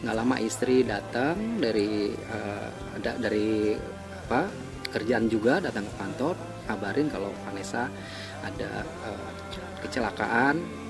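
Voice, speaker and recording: A man's voice: mid-range voice, expressive, measured pace, gravelly. A man recounting events in an interview, hesitant and full of fillers. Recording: music bed under the voice.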